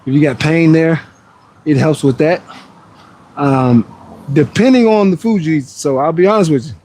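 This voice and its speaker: A man in his forties talks in a relaxed, rambling way, answering chat questions between workout sets. His voice sits a little higher than most men's. It is casual livestream chat. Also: normal speed, a little hiss or hum. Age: 40s. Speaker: fitness livestreamer.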